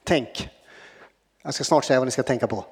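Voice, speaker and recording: A young man preaching a lively sermon to a congregation, joking with them and then leading a prayer. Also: medium pitch, husky, big-room sound. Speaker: pastor. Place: church hall with long reverb.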